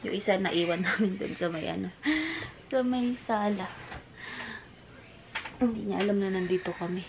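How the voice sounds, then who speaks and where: A woman in her thirties from the Philippines, a mother chatting casually to her vlog audience, mixing English into her talk and cooing gently to her child. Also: medium pitch, moderate pace, creaky, background noise. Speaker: family vlogger, mother.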